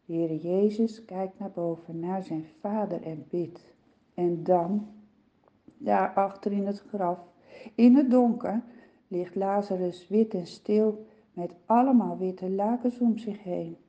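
A woman narrating a children's Bible story gently and expressively, with soft sighs. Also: mid-range voice, takes it slowly, lo-fi sound.

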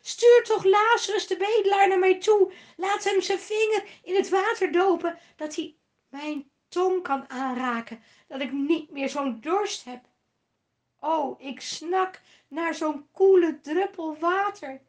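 A woman voicing an anguished rich man who pleads and begs from hell in a slow, high voice. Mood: pleading. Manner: pleading, begging.

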